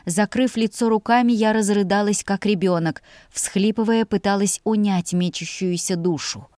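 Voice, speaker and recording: Female audiobook narrator, medium pitch, emotional but measured first-person reading. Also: steady tone, dark tone, dry recording, studio quality.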